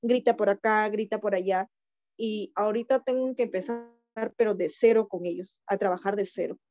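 A woman's voice: medium pitch, moderate pace, mellow, highs cut off, faint music behind. A woman with a Peruvian Spanish accent, an early-childhood aide, earnestly describing her classroom in a class discussion. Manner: earnest, emotional, tells anecdotes with quoted dialogue. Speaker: student teacher's aide in preschool.

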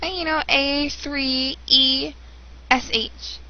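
Speaking slowly in a high, steady voice, this young woman from the US rambles through a casual webcam vlog, bored, giggly and full of ums. The dim indoor room is captured by the webcam's built-in mic, yielding dull, lo-fi sound with a faint hiss.

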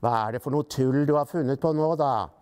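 A man's voice: medium pitch, a little mellow, lightly acted. A man doing an impatient teenage big brother. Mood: exasperated. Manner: exasperated.

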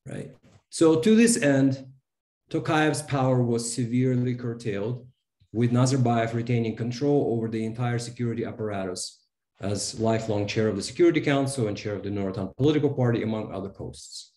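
A man in his thirties from Kazakhstan, a sociology professor giving a fluent, measured panel talk. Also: medium pitch, mellow. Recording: roomy video call audio.

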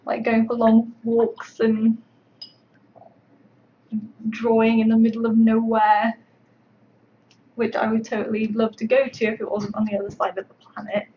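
Her voice is on the high side and monotone, moving at a measured pace with long pauses. She's a sculptor livestreaming her work, chatting loosely and filling her talk with fillers as she paints. Faint background noise sits under dull, lo-fi stream audio.

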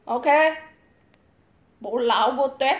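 A woman's voice: a little high, steady tone, slow pace, dull audio. A woman hosting a livestream, ranting combatively and hurling insults and taunts at her critics. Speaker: livestream host. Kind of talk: profane livestream rant. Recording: echoey room.

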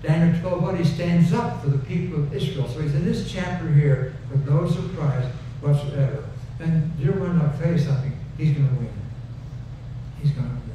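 An older male pastor with a fairly high voice, speaking at normal speed, preaches a homespun, conversational sermon at the pulpit, repeats phrases to stress them, and then leads prayer. The wood-paneled indoor church and his headset mic produce a noisy, dull, distant and echo-heavy recording.

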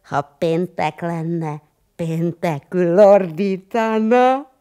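A woman voicing an earnest fairy-tale creature poet who explains things loudly, slowly and deadpan in a children's audiobook. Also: fairly low pitch, clear, resonant tone, lightly acted.

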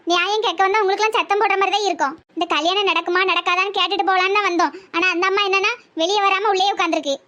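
ஒரு பெண் கார்ட்டூனில் நெல்லை வட்டார வழக்கில், குற்றம் சாட்டிக் கத்தும் கோபமான கிராமத்து அம்மாவுக்குக் குரல் கொடுக்கிறார். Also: female voice, extremely high pitch, fairly even intonation, rapid-fire, few pauses, sharp tone, highs cut off. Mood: angry. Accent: Tirunelveli Tamil. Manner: scolding, accusing. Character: angry village mother, sharp-tongued and loud. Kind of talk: cartoon voice acting.

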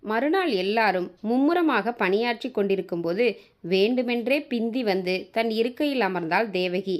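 A woman with a Tamil accent reading a short story aloud as a storyteller, steady and even. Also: on the high side, moderate pace. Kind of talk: scripted story narration.

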